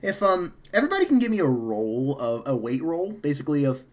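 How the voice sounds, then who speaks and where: A man's voice: on the high side, big pitch swings, fairly quick. A man running a tabletop game as game master, casual and rambling, laughing often and correcting himself mid-sentence.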